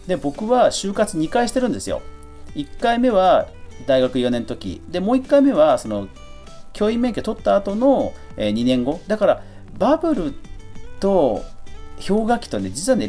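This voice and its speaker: On his podcast, a middle-aged man chats solo in reply to a listener's letter, easygoing and a bit self-mocking. His voice leans high and is a little mellow.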